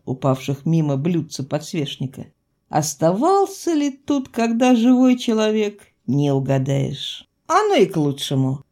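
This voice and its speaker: A woman narrating a first-person audiobook in a wry, expressive storytelling manner. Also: mid-range voice.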